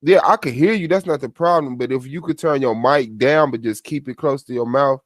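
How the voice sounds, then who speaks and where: Mid-pitched man, blunt swearing panel host, dry close mic. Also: fairly quick, no room sound. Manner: blunt, animated, swears freely. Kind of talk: casual group chat. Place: online voice chat.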